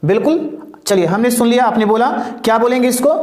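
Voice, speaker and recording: Speaking quickly in a very high voice, a man runs an English vocabulary lesson in an echoey room. He has listeners repeat pronunciations after him, calls them "dear", goes over points again, and answers his own questions.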